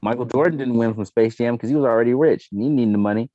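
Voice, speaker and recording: He's an American podcast host with a mellow, mid-range voice who talks quickly, slinging slang, profanity and strong opinions emphatically in a casual entertainment chat. The recording is lo-fi, dull and roomy, with music faintly underneath.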